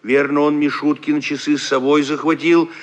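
A man voicing a calm older uncle who reassures the family in a low, steady voice. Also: fairly quick, natural voice. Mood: soothing.

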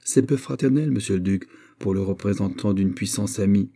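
A man's voice: fairly low pitch, moderate pace, mellow. A man reading aloud, voicing a proud, stiffly polite young French count in an audiobook. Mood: polite, firm.

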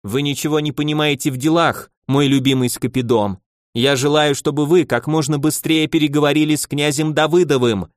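A man's voice: on the high side, expressive, moderate pace, dry recording, clean studio sound, natural voice. A man voicing a domineering noblewoman who scolds her husband, bossy and insistent. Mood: scornful. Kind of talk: audiobook character voice.

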